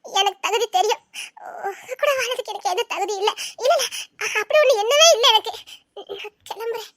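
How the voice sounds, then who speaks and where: A woman plays a young wife in a drama, crying and ashamed, her very high voice breaking between sobs and strained little laughs. She speaks with a quiet, self-denying hurt. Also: a little fast. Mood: tearful. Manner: tearful, broken, half-laughing through sobs.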